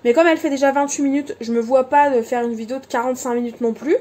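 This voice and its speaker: A woman's voice: high voice, steady tone, fast, darkish tone. A woman showing her craft supplies in a casual vlog, chatty, with lots of fillers and self-corrections. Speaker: crafting vlogger. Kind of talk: casual show-and-tell vlog.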